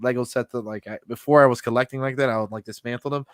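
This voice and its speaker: A young man hosting a casual chat over a video call, excitable and chatty, drifting off mid-sentence as he hunts for things. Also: medium pitch, rapid-fire, no echo, studio quality. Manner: excitable, chatty, trails off while rummaging.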